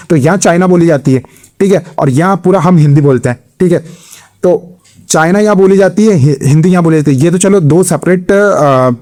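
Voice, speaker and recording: A man with an Indian accent teaching an exam-prep lecture, mixing Hindi and English, posing his own questions and answering them, reading English questions slowly. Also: on the high side, a little mellow. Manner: explains step by step, asks and answers own questions, frequent "theek hai".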